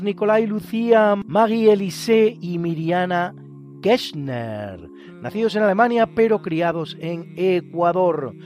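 A man with a notably high voice hosts a radio program, reading the music credits and closing the show in a formal, announcing manner. Soft music plays quietly beneath his voice. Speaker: radio host.

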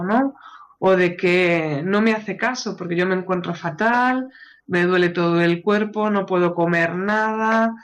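A woman's voice: medium pitch, highs cut off. A woman co-hosting a radio show on psychology, talking fluently and reading stories aloud. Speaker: radio co-host.

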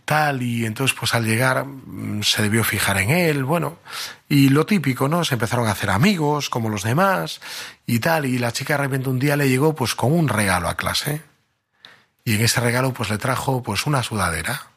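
A man's voice: mid-range voice, normal speed, vocal fry, fairly bright tone, slightly rough. A man preaching a sermon, telling a story conversationally, full of fillers, rising to emphatic peaks.

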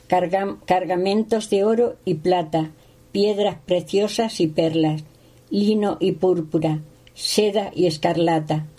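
A woman reading a Bible passage aloud at a steady pace, sometimes stumbling on a word. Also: fairly low pitch, poor audio. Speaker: scripture reader.

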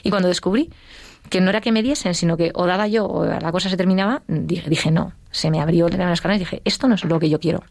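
Fast-talking woman with gravelly voice. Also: on the low side, darkish tone, dry recording. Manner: emotional storytelling, acts out quoted voices. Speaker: interview guest. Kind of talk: personal testimony in an interview.

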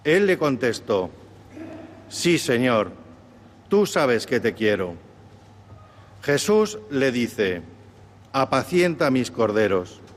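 Male deacon reading gospel at mass, slow n solemn, kinda intoned, big cathedral echo. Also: mid-range voice, sing-song, a little hiss or hum. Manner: solemn, deliberate, slightly intoned. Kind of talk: solemn liturgical reading, partly chanted. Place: large cathedral, at the ambo. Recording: cathedral echo, long reverberant hall.

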